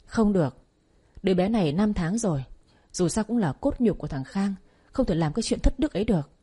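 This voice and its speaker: A woman's voice: medium pitch, animated, fairly quick, breathy edge. Woman voicing a stern old patriarch. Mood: scolding. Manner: loud, scolding.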